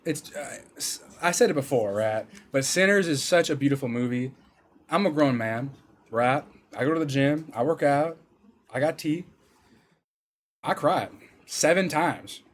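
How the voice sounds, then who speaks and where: A man's voice: on the high side, unhurried, slight background noise. Joking young male esports caster. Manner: joking, playful, mock ad-read voice at times. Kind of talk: casual esports casting banter.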